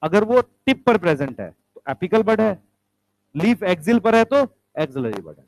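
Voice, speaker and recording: A man's voice: high-pitched, very animated, normal speed, a little mellow, no echo, rough recording. A male teacher giving a classroom lecture, explaining step by step, asking the students questions and calling them beta and bhai.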